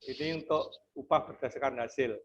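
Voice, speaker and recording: A man's voice: medium pitch, fairly quick, a bit bright, a little hiss or hum. A man giving an HR training webinar over a video call, explaining step by step and addressing his listeners politely, while his audio glitches and breaks up. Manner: explanatory, addresses audience as Bapak Ibu. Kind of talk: online webinar lecture. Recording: dull lo-fi video call line.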